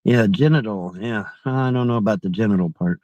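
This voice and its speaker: Talking a little fast in a low-leaning, slightly mellow voice, a middle-aged man chats with his livestream audience from a car. He reads their messages and replies casually, rambling and repeating himself. The recording is dry, with the highs cut off.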